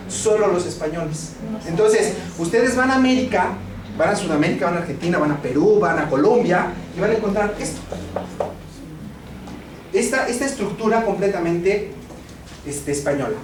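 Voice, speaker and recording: A man's voice: high-pitched, moderate pace. Man, Mexican accent, classroom lecture, conversational and anecdotal, echoey hall sound, background noise. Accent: Mexican Spanish. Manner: conversational, anecdotal, frequent rhetorical "¿no?". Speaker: law lecturer. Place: university classroom. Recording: echoey classroom, distant mic, noisy.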